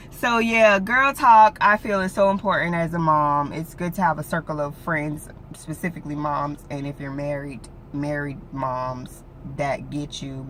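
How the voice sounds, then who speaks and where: This late-20s vlogger's voice is deep and a bit bright, with a little hiss or hum in the recording. Chatting casually three weeks after having her baby, she rambles and fills her speech with "like" and "you know."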